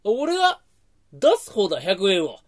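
A man voicing a slow-witted, hard-of-hearing young tenement dweller, dopey and evasive. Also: high voice, huge pitch swings, exaggerated voice. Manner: dopey, evasive, drawn-out replies.

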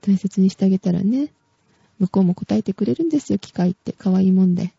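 A woman's voice: mid-range voice, lively intonation, fast, vocal fry, dark tone, breathy edge, dry recording. A woman hosting a casual podcast chat, chatty and giggling often. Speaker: podcast host. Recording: dull, dry lo-fi recording.

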